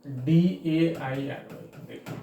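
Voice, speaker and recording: A man teaching a spelling lesson to students, slowly spelling words out letter by letter and often checking that they follow. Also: mid-range voice, gravelly, mellow, roomy sound, recorded from a distance, slight background noise. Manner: frequent "theek hai na" check-ins. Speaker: English teacher.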